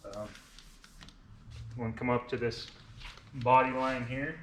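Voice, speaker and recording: This thirtysomething presenter, a vinyl wrap installer, has a steady, unhurried mid-range voice and lisps slightly because of braces. He casually explains each step of his hands-on tutorial while working indoors in a garage, where a tripod camera a short distance away picks up echo, steady background noise and clicks.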